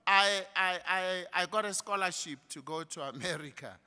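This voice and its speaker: A South African man addresses graduates in a slow, deliberate style with a high, bright, cutting tone. His words ring through a large hall with a long reverb tail. He builds to emphatic peaks like a preacher. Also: smooth. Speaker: guest speaker at a graduation.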